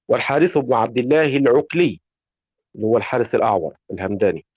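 A man, reciting a classical text in a lesson in a measured way and asking polite questions. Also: medium pitch, darkish tone, dry recording, rough recording. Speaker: student reading the text aloud.

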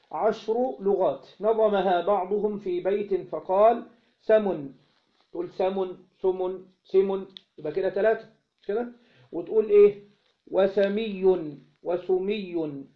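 A man with an Egyptian Arabic accent teaching a classical text, reading each passage slowly and loudly, then explaining it by asking short questions and answering them himself. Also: high-pitched, lo-fi sound. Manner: reads the quoted text slowly and more loudly. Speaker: religious studies teacher.

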